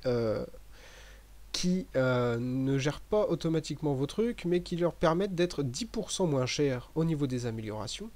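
A man giving relaxed, chatty commentary over a game he is playing, with many fillers and restarts. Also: on the high side. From French-speaking. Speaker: gaming commentator. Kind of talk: casual gameplay commentary.

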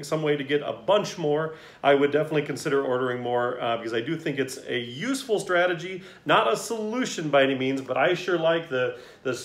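A man reviewing a singer's mask while wearing it, chatting in a friendly way with plenty of ums and uhs. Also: mid-range voice. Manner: friendly, hesitant with many fillers. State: through a face mask. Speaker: choir director. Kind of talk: casual product review. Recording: echoey room.

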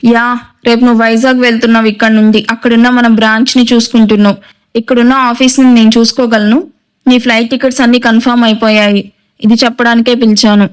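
A woman's voice: fairly high pitch, little pitch movement, fast talker, smooth, lightly acted. A woman voicing a stern, hot-tempered young man who gives clipped, cold orders to his younger brother. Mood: cold, commanding.

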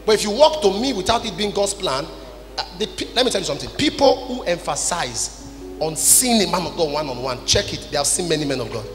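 On stage in a large church hall, a Nigerian apostle in his forties delivers a sermon, scolding his congregation with emphasis in short, declarative bursts. His high-pitched voice moves quickly with lively intonation. A handheld mic feeds the echoey hall PA, and music runs underneath.

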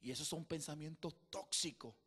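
A man's voice: a little high, moderate pace, pushed and bright, slightly rough. A man preaching a sermon, telling a story and building to emphatic, repetitive exhortation. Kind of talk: bilingual sermon with interpretation.

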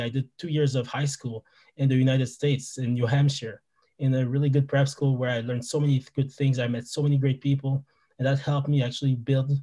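Poor audio captures a young man from Quebec with a dark, medium-pitched voice presenting in a friendly way as a guest wildlife biologist. He's a native French speaker with a Québécois accent, using a headset on a video call in a small room indoors and leaning on lots of fillers.

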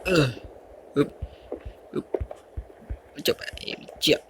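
A man's voice: takes it slowly, background noise. A young man giving casual let's-play commentary, muttering, grunting and exclaiming as he plays. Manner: mutters and grunts while playing, exclaims at mistakes. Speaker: gaming YouTuber.

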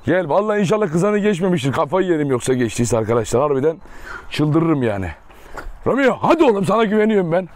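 A man's voice: on the high side, big pitch swings, quick pace. A man vlogging casually from an outdoor dog yard, chatting to viewers and coaxing and teasing his dogs. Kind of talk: casual vlog talk to viewers. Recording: outdoor clip with noise and barking.

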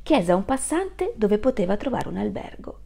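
A woman reading a children's story aloud in an expressive, animated way. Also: mid-range voice, moderate pace, creaky.

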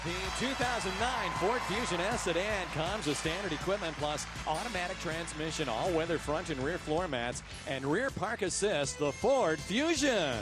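A man playing an upbeat game show prize announcer in a video game, with a booming, excited, scripted delivery. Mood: excited, showy.

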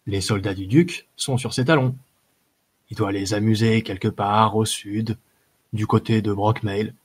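A man voicing a gruff, sneering old warrior. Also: fairly low pitch, fairly even intonation, unhurried. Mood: urgent. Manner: sneering, blunt soldier's slang. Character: gruff old male warrior, mocking and impatient. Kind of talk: audiobook character voice.

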